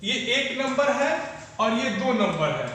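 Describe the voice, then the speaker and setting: A man's voice: very high voice, lively intonation, slow, fairly bright tone, slight background noise. A male school teacher, teaching an online class patiently and repeating questions to his pupils. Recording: echoey room, voice far from mic.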